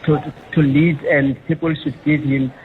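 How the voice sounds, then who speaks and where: A man with a South African accent calling in to a radio show, halting and restarting often, with words from a local language mixed in. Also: on the high side, level tone, slight background noise. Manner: halting, many restarts, mixes in Sesotho. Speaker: radio caller. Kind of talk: phone-in opinion. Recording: tinny phone line.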